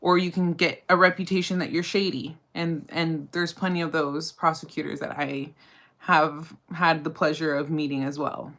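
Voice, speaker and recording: A woman talks casually to her livestream viewers, answering questions about the legal world between makeup steps. Her voice is bright and forceful, set a touch low, and she keeps up a loose, chatty flow full of fillers and side remarks. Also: flat delivery, moderate pace. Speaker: livestream host and criminal defense lawyer. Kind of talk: casual livestream chat while doing makeup.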